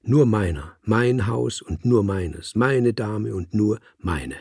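A man narrating a literary audiobook in a measured, deliberate storytelling manner, recorded close in a studio. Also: lowish voice, lively intonation, vocal fry, darkish tone, slightly rough, no room sound. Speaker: audiobook reader.

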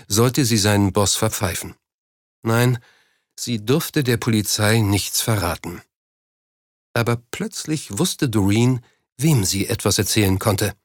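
Male audiobook narrator, mid-pitched voice, steady storytelling, dry close sound. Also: no room sound. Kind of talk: scripted narration.

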